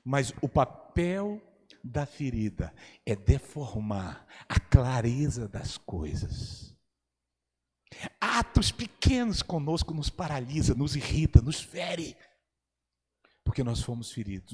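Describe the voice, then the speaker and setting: Animated preaching man in echoing hall. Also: on the high side, measured pace, breathy edge. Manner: animated, rising to loud exclamations. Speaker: pastor. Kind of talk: sermon. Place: church hall. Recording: long church hall reverb.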